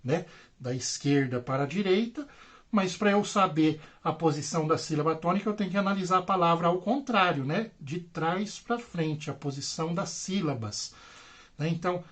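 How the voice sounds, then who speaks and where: A man's voice: fairly high pitch, normal speed, a bit bright. A Brazilian man teaching a grammar lesson online. He explains patiently and repeats himself, tags his sentences with little checks, and stretches out the example words. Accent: Brazilian Portuguese.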